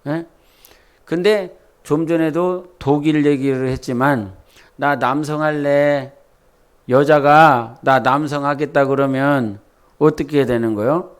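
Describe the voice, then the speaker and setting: High-voiced pastor. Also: male voice, steady tone, a little slow, smooth. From Jeolla, South Korea. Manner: conversational, quizzes the congregation with questions. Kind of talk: sermon.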